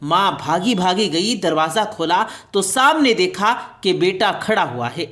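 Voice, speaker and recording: A woman's voice: on the low side, expressive, a bit bright. Woman narrating a moral tale. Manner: dramatic, moralizing storytelling. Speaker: storyteller. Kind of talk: scripted story narration.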